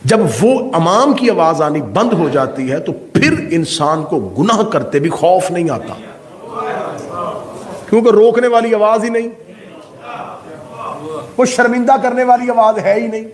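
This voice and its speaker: A male Shia cleric giving a majlis sermon, oratorical and full of rhetorical questions, swinging from loud peaks to hushed asides. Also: high-pitched, expressive, pauses often, crowd noise. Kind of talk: majlis sermon to a live congregation.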